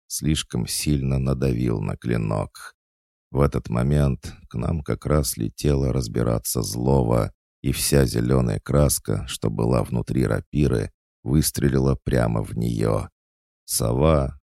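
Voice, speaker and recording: A man's voice: extremely low pitch, gravelly, mellow, no echo. A man narrating a first-person fantasy audiobook, telling it with a dry, mocking manner, close on the mic.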